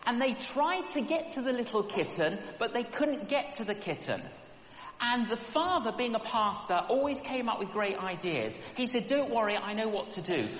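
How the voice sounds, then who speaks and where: A man preaching a sermon as a lively, rhythmic story with plenty of repetition, in a large hall. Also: very high-pitched, normal speed. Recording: echoey hall with background noise.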